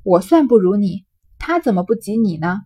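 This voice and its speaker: Blunt tomboyish teen girl, husky and direct, mid-teasing as a woman reads her lines. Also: mid-range voice, big pitch swings, moderate pace, mellow, dry recording, clean studio sound. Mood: chiding.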